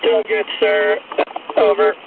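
A man, a military pilot in flight, talking over a helmet radio in calm, clipped, procedural radio talk. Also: slow. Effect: helmet radio transmission. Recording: tinny radio link with static hiss.

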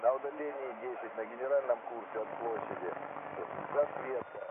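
A man relaying weather reports over a two-way radio in clipped radio procedure, halting now and then with filler sounds. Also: mid-range voice, phone-quality sound. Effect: two-way radio transmission. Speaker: radio dispatcher. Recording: crackly band-limited radio with static.

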